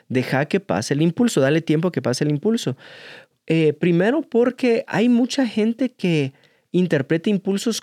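A man speaks in a slightly raised register. His tone is measured and conversational as he clarifies points about faith. The sound is dry, with no room echo. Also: on the high side, darkish tone.

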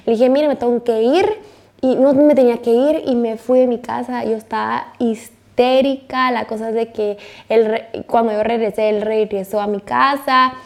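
Animated young woman telling a story. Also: fairly high pitch, moderate pace, creaky. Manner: animated, acts out quoted dialogue. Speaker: co-host of a couples' faith talk. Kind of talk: casual storytelling.

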